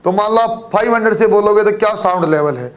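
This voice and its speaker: High-voiced male physics teacher lecturing. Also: fast. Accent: Haryanvi Hindi. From Haryana, India. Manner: addresses students as kids, frequent check-ins. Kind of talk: classroom lecture.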